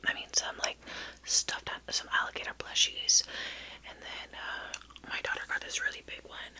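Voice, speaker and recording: A middle-aged woman whispering a rambling, hesitant ASMR story close to the mic while chewing gum. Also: moderate pace. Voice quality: soft unvoiced whisper. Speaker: ASMR vlogger.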